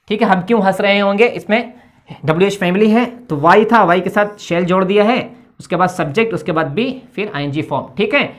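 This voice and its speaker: A woman teaching English grammar at a board, explaining patiently step by step, checking in after each point and spelling words letter by letter. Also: medium pitch. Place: indoor classroom with a board.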